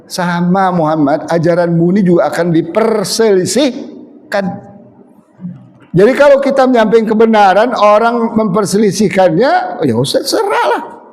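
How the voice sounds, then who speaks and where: A man from Sumatra delivers a loud, forceful mosque sermon, his voice sitting high for a man. He mixes stern teaching with humorous stories. The long reverb of the prayer hall trails every phrase. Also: normal speed. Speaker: preacher.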